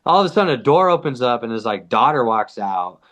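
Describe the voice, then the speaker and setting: A man's voice: mid-range voice, very animated, fairly quick, a bit bright. A man from the US–Mexico border region, a podcast guest, telling a story in a loose, slangy way, full of "like" and swearing. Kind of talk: casual storytelling.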